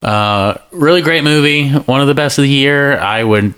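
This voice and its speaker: A man's voice: medium pitch, normal speed, fairly bright tone, clean tone. Opinionated man reviewing movies. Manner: opinionated, explains at length. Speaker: podcast co-host. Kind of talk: casual movie review chat.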